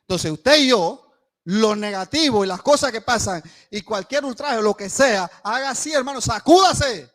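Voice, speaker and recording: A man preaching a sermon in a church, swinging between loud calls and hushed asides and acting out the voices he quotes. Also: extremely high pitch, lively intonation, normal speed. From Panama. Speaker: pastor.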